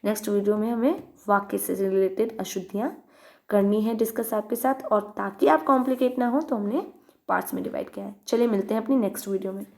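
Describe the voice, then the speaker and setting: A woman teacher speaks at an ordinary middle pitch, close to the mic. She explains grammar step by step in a patient, repetitive way and often turns to the viewers as friends. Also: steady tone, fast talker, creaky, a little mellow. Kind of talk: online grammar lesson.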